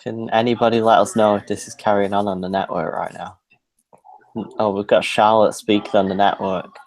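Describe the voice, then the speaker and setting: Teasing man, lowish voice. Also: level tone, moderate pace. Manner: laughs often, teasing. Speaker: co-host of a live reaction stream. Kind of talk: casual chat.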